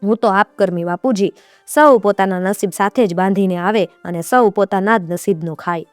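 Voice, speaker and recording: A steady, self-assured teenage girl in a spoken folk tale, voiced by a woman storyteller. She speaks calmly and firmly. The recording is dry, with faint music under it. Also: medium pitch, normal speed, dry recording, close to an everyday voice. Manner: calm, firm. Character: young teen daughter, calm and self-assured.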